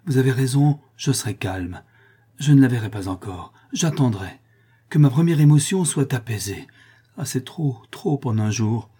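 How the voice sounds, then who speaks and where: A man's voice: fairly low pitch, normal speed, dark tone, breathy edge. A man voicing a trembling, overwrought prince. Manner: trembling, barely restrained emotion. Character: overwrought noble prince, a father. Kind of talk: audiobook character voice.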